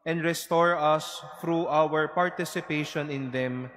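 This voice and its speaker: A priest's fairly high, unhurried voice recites the closing prayers with solemn, measured care. Each phrase hangs in the long cathedral echo of a vast stone church, the reverb trailing well after he stops. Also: steady tone, a bit bright. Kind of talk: liturgical prayer and blessing. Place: large cathedral.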